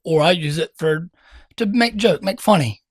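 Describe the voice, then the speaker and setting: High-voiced ranting podcast man. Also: normal speed, no room sound, clean studio sound. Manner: animated, swearing, ranting and laughing. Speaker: podcast co-host. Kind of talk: casual chat.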